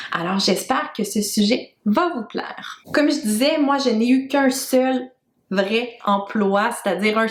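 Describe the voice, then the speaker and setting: A freelancer in her thirties with a Québécois French accent talks frankly to the camera in a casual talking-head vlog, using plenty of fillers. She's filming in a room at home under makeshift lighting, and her medium-pitched voice sounds roomy.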